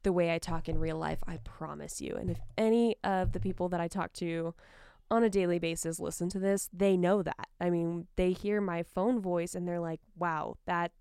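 A woman chatting casually as a podcast co-host, in a soft, sultry voice with vocal fry and a frank, unbubbly manner. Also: on the low side, fairly even intonation, normal speed, hardly any pauses, no room sound, clean studio sound. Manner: frank, not bubbly. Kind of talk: casual chat.

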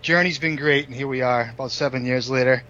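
A man's voice: mid-range voice, a little fast, a bit bright. Man with a thick Boston accent, dull audio. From Massachusetts North Shore. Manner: friendly, enthusiastic, affirming. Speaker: podcast guest, card game player. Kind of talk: casual chat.

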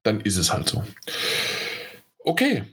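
Husky-voiced man chatting casually. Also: fairly low pitch, wildly swooping pitch, slow, fairly bright tone. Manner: rambling, many fillers and restarts. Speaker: podcast co-host. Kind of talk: casual chat.

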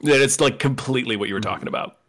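A man's voice: medium pitch, racing, a bit bright. A man on a podcast panel, casually chiming in during conversation. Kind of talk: casual chat.

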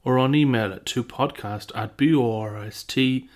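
Mid-pitched announcer man. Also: measured pace, heavy background noise. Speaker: podcast announcer. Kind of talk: scripted promo announcement.

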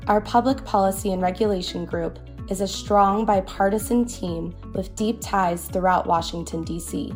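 Female announcer, scripted promo read, mid pitch, faint music bed. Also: moderate pace, few pauses. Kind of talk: scripted podcast intro.

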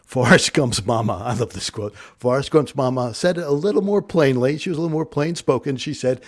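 A podcast host talks solo in a medium-pitched, expressive voice at a fairly quick pace. His manner is fired-up and preachy, a call-and-response style that rallies listeners to say lines back with him.

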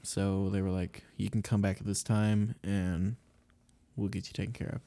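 A man's voice: low voice, little pitch movement, moderate pace, dark tone. A man, co-hosting a casual chat and rambling through stories with fillers and laughs.

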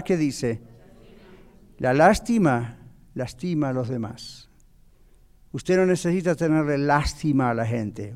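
Guy teaching a bible class, kinda high voice, asks the room stuff, long echo. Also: a little mellow. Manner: asks the audience questions, explains patiently. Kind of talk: church Bible lesson.

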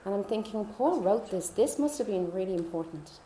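A woman telling a personal faith story in a chatty way, laughing often and dropping into soft whispers. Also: medium pitch, animated, brisk, roomy sound, a little hiss or hum. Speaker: speaker.

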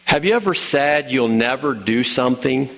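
Man, middle-aged pastor, gravelly, relaxed conversational sermon delivery with restarts. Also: mid-range voice, normal speed, poor audio. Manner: conversational storytelling with fillers and restarts.

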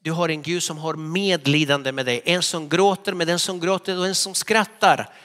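A high, bright male voice delivering a sermon. He preaches in an animated storytelling way, sometimes acting out the people in his stories. A long church reverb trails behind his words. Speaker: pastor.

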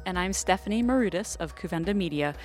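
Low-pitched woman co-hosting an arts show. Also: lively intonation, quick pace, darkish tone, faint music behind. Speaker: co-host, media producer. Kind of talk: scripted podcast narration.

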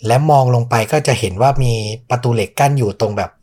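A man's voice: medium pitch, fast talker, warm tone, slightly rough. A man hosting a podcast, telling a true ghost story in a suspenseful, conversational way. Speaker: podcast host.

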